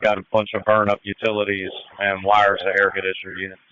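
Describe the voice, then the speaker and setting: A man's voice: fairly low pitch, completely flat delivery, fast talker. A man giving firefighter radio reports to command from the fireground over a two-way radio. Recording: noisy, muffled firefighter radio transmission.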